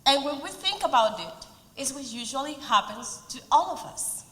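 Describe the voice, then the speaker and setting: At a community event, a woman in her forties from Peru presents a prepared speech, earnest with light humor, in a Peruvian Spanish accent. Her voice sits high and sounds animated and fairly bright, moving at normal speed. Roomy hall reverb surrounds it.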